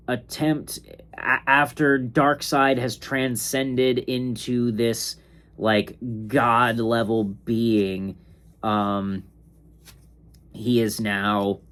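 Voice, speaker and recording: A sleepy young man reviewing comics in a casual, rambling way, with lots of fillers and restarts. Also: on the low side. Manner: slow, rambling, filler-heavy. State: sleepy, yawning. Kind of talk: casual ranking monologue.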